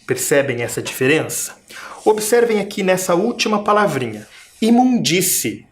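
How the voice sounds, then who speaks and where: Lively Brazilian teacher sounding out syllables. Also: male voice, sits high, moderate pace. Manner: stretches and stresses syllables, asks pupils questions. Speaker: primary school teacher. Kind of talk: recorded video lesson for children.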